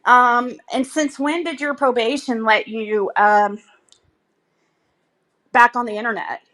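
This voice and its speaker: Female livestreamer, slightly high voice, rambling and blunt, gossipy everyday talk. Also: steady tone, slow, sharp tone. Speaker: livestreamer addressing viewers. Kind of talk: casual rambling livestream chat.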